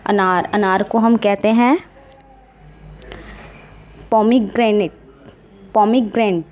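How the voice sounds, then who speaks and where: A woman teaching vocabulary slowly and patiently, spelling each word out letter by letter. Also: mid-range voice, steady tone, a little mellow. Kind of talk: slow, patient vocabulary lesson.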